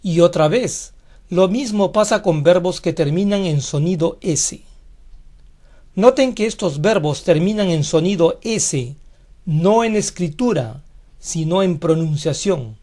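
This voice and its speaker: A teacher giving a scripted pronunciation lesson, speaking deliberately and saying each model word twice. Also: medium pitch, expressive, mellow. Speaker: English teacher.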